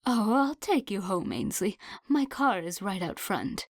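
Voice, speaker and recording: Meet a fussy grandmotherly neighbor, as the woman reading puts her on, her voice quavering and slightly raised in pitch, fretting and a bit breathless. It's an audiobook read in a dry, close room. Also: sing-song, measured pace, dry recording. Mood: fretful.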